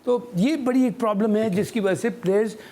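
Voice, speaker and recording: A man's voice: sits high, brisk, warm tone. An older man, a former chief selector giving emphatic studio cricket analysis and dropping in English phrases.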